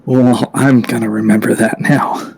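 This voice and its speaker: A man playing in a tabletop game, easygoing and quick to laugh. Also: mid-range voice, flat delivery, gravelly, a little mellow, husky. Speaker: player. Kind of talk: casual tabletop banter.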